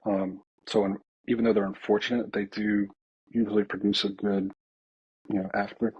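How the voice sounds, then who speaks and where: An American air traffic controller reflects hesitantly and informally during a casual podcast chat. His voice is lowish and slightly rough, with little pitch movement and a moderate pace, heard on a slightly dull, lo-fi recording.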